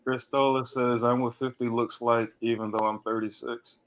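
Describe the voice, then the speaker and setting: A man's voice: mid-range voice, little pitch movement, normal speed. A man in his late forties joking and chatting as a guest on a casual livestream. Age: 40s. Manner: joking, playful.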